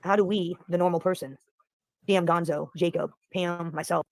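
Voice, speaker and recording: A man's voice: sits high, steady tone, normal speed, vocal fry, no echo. An American man hosting a livestream, rambling through a profane, opinionated political rant in casual chat. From United States. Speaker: livestream host.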